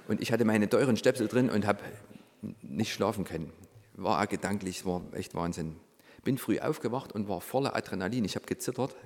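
A man's voice: lowish voice, in a large hall. A middle-aged man, from Saxony, telling a personal story and acting out the dialogue in it. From Saxony, Germany. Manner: lively storyteller who acts out quoted dialogue, dropping to a hushed voice. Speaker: former reality show participant.

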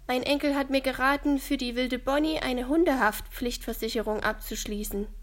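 A woman voicing a kindly elderly woman who speaks calmly and reassuringly. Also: high voice, moderate pace, lightly acted.

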